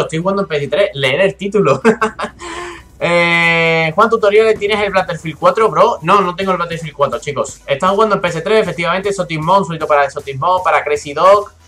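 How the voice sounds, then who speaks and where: A young man from Spain with a Spanish accent, excitably commentating a live shooter game, swearing and chatting with his viewers. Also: on the high side. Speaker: gaming streamer.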